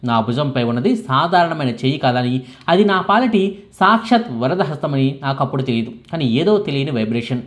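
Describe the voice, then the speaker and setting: A man's voice: medium pitch, lively intonation, brisk. A man narrating a first-person life story as scripted biography narration, acting out the quoted lines dramatically.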